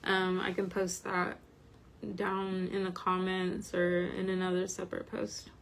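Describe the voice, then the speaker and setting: Woman, informal online group host. Tired, slightly croaky, very slow and even, over background noise. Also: on the low side. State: tired from medication. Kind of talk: informal livestream talk.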